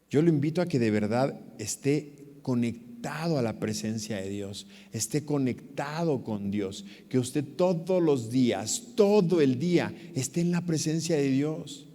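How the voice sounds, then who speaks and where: A man's voice: medium pitch, lively intonation, a little slow, mellow. A male preacher delivers a dramatic sermon in a church, raising his voice to act out a blind man's cries. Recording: long hall reverb.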